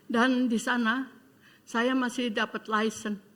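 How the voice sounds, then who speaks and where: An older woman in her eighties preaches a personal testimony with a high, light voice. She grows fervent and pleading whenever she turns to prayer. She searches for words with small hesitations and slips in English terms. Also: level tone, takes it slowly, a bit bright. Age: 80s. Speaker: pastor. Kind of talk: sermon testimony.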